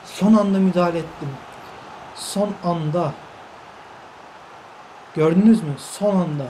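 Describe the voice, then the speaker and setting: A young Turkish-accented man who hosts a gaming channel commentates live on his own football video game, exasperated as things go wrong. In a high voice at normal speed, he urges his players on screen, swears by God, and repeats himself against a noisy background.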